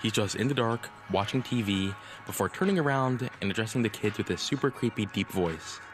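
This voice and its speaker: A man giving scripted list-video narration in a measured, informative way. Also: on the low side, expressive, over music.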